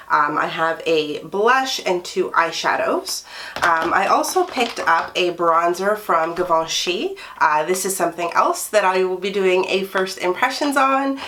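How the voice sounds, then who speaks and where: Young woman, congested and stuffy, casual excitable beauty vlogger. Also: on the low side. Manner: chatty and excitable, with fillers. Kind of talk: casual product review.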